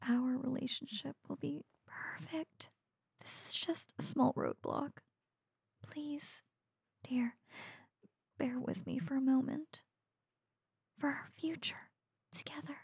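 Woman doing an obsessive young streamer girlfriend, soft and coaxing, nervous giggles, dry close sound. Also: on the low side, expressive, measured pace, dry recording. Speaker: voice actor in an audio roleplay. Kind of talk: audio roleplay addressed to the listener.

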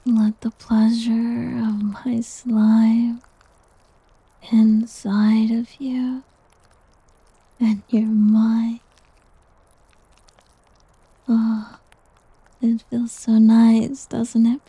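A woman voicing a doting, possessive slime creature in an ASMR roleplay, whispering softly and teasingly. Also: on the high side, flat delivery, extremely slow, long pauses, no echo, heavily acted. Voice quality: breathy. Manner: soft whispering, teasing and coaxing. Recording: dull lo-fi audio.

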